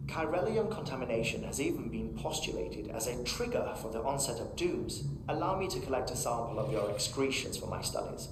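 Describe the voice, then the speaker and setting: An actor playing a calm male researcher and doctor who explains things in a measured, clinical way in a video game. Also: medium pitch, natural voice. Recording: echoey game audio with ambient noise.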